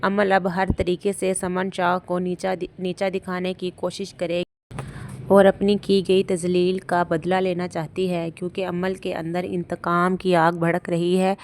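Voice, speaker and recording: A woman's voice: lowish voice, completely flat delivery, a little mellow, a little hiss or hum. A woman hosting a drama review channel, steadily retelling an episode's plot. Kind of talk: plot recap narration.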